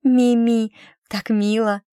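A woman's voice: fairly high pitch, level tone, slow, mellow, clear, resonant tone, no echo, clean studio sound, pitched above the performer's own voice. A woman reading an audiobook voices a bubbly, naive young noblewoman who talks in breathless, girlish exclamations. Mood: eager.

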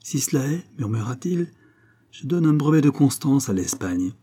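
A man's voice: mid-range voice, big pitch swings, moderate pace, dark tone, slightly rough, pitched above the performer's own voice. A man reading the part of a scheming young impostor dandy in an audiobook, lifting his voice a little for the lines. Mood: sly.

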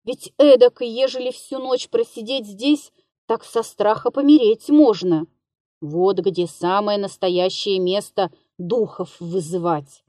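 A woman voicing a frightened, maudlin drunken old male comic actor of fifty-eight in a literary audiobook, muttering, shouting in terror and whimpering. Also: medium pitch, fairly even intonation, slow, no room sound, studio quality, lightly acted. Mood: fearful grumbling. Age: 58 (figure).

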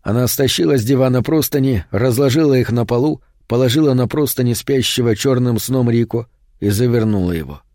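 A man narrating a horror story in a steady, measured way. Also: medium pitch, dry recording, clean studio sound. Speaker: audiobook narrator.

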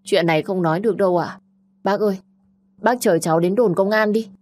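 A woman's voice: mid-range voice, brisk, a little mellow, pitched above the performer's own voice, close to an everyday voice. A woman narrator voicing a tearful, pleading seventeen-year-old girl. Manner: sobbing, pleading.

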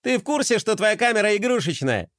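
An excitable plastic skater boy from a storybook, bright and chirpy. A man acts him out, pitched high with lively swoops, in a dry, close sound. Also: fairly quick, no room sound. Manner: chirpy, lovestruck, giggly. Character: excitable young male toy skater.

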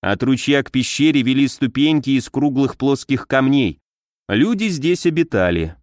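Male audiobook narrator, steady reading, dry studio sound. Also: medium pitch, moderate pace, dry recording. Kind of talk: scripted narration.

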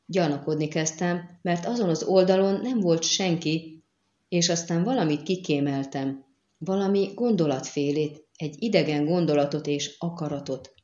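A woman voicing a wary young woman telepath and spy who talks low and guarded, in an audiobook reading. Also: warm tone, echoey room, muffled recording, close to an everyday voice. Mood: explaining.

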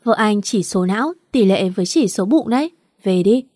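A woman's voice: medium pitch, lively intonation, normal speed, darkish tone, no room sound, natural voice. Woman reading weak careless husband, flippant, dry close read. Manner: slurred, flippant.

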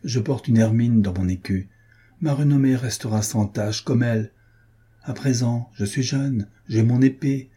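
A man's voice: medium pitch, unhurried, mellow, breathy edge. A man reading as a proud young marquis. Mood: passionate.

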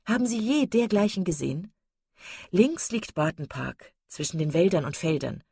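A woman's voice: expressive, moderate pace, vocal fry, dark tone, husky, dry recording, studio quality, full character voice. A woman reading an audiobook voices a passionate, dreamy young woman who gushes and exclaims. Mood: eager. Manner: gushing, exclamatory, rising high. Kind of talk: audiobook character voice.

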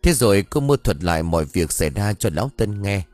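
A man narrating an audiobook story in a steady, even telling. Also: on the low side, fast, no room sound, faint music behind.

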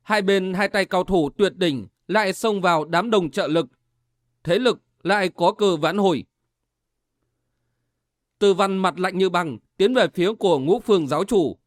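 A man narrating a martial-arts novel in a steady, dramatic storytelling manner. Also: high voice, measured pace, dry recording, clean studio sound. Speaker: audiobook narrator.

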